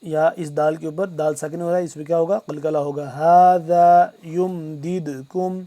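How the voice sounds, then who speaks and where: A man teaching Quran recitation word by word, switching between slow, drawn-out recitation and quick explanations. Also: a little high, little pitch movement, dark tone.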